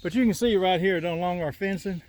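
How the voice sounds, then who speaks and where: High-pitched, a little mellow, and fast-talking, this older Southern man chats in a rambling, folksy drawl while touring his rural garden outdoors. He's a homesteader vlogging casually with a phone on a selfie stick, and there's slight background noise.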